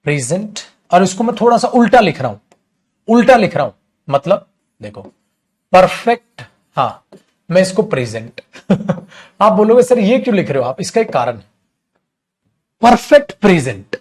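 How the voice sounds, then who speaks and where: A man teaching an exam-prep English class while running a fever, animated and addressing students as son and brother. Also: high voice, normal speed, long pauses. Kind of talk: classroom lecture.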